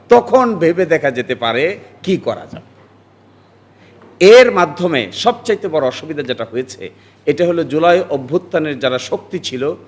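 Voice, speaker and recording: Man, forties, high voice, emphatic, forceful political argument. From Bangladesh. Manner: emphatic, rising to forceful outbursts. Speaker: lawyer. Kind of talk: political commentary.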